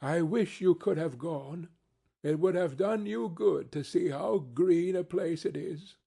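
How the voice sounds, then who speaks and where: A man playing a meek, kindly poor father in a storybook reading, gentle and full of grief. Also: fairly high pitch, unhurried, vocal fry, husky, pitched above the performer's own voice, full character voice. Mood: forced cheer. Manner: gentle, pleasant, tender.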